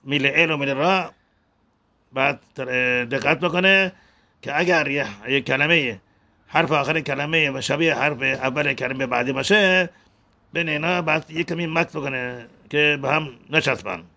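Gravelly man teaching prayer pronunciation. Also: a little high, sharp tone. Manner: halting, repeats words to model pronunciation. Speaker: religious teacher.

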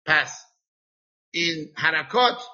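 A man teaching a religious lesson, explaining slowly and spelling out letters and sounds by example. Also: fairly high pitch, lively intonation, pushed and bright, muffled recording. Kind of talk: classroom lesson.

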